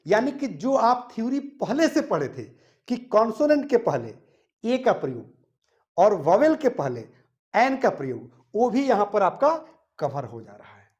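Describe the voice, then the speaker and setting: A man's voice: sits high, sing-song, a little slow, darkish tone, muffled recording. A man teaching a grammar lesson to a class, repeating each point and telling the students to write it down.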